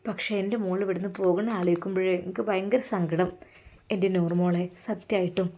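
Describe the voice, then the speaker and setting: A pious, loving older mother, played by a woman, gives tender, sorrowful advice. The tone is warm and mellow, like an audio storybook. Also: fairly low pitch, steady tone, fairly quick, a little hiss or hum, close to an everyday voice.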